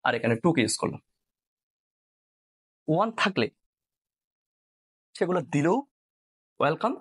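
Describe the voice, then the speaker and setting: A man from Bangladesh teaching a live online science class, repeating points and checking if students follow. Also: medium pitch. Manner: quick, repeats points, asks "clear?"; mixes in English words.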